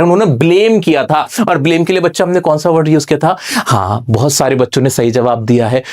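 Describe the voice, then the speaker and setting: A man teaching a lesson, reading English lines slowly and then explaining them with constant rhetorical questions to his students. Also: fairly high pitch. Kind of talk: classroom-style lesson explanation.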